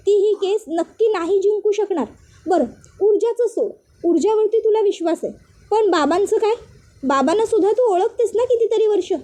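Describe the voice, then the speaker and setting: A woman's voice: very high voice, mellow, pitched above the performer's own voice. A woman voicing a scheming elder sister who speaks in a coaxing, persuasive way.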